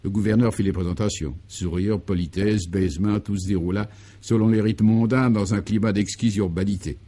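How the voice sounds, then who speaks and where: A man's voice: lowish voice, steady tone, moderate pace, dark tone. Man narrating a comic radio serial.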